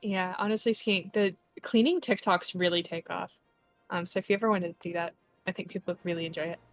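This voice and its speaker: A woman's voice: lowish voice, fairly even intonation, a little fast, dry recording, soft background music. Chatty woman gaming on stream. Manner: chatty, rambling with fillers and restarts. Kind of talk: casual chat while gaming.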